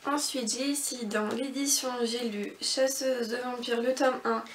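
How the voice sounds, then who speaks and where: A woman's voice: on the high side, steady tone, unhurried, slight background noise. A young woman chatting casually through a book haul vlog, rambling with lots of fillers. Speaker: book vlogger. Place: bedroom with bookshelf and mirror. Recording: echoey room, from far off the mic.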